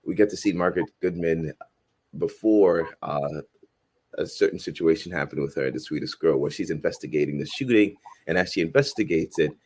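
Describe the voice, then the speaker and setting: A man in his forties, originally from Haiti, speaks in a very low voice. He talks earnestly and thoughtfully as an interview guest, often starting a phrase over before finishing it. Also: brisk, darkish tone. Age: 40s. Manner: earnest, reflective, frequent restarts. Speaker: guest filmmaker and professor. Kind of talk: casual interview conversation.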